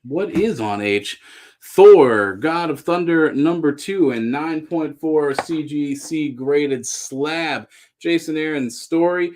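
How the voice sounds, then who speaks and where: A man hosting a live comic book sale, running through items with upbeat, joking pitchman patter. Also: a little mellow. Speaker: host selling comics on a live stream. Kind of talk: live sales chat.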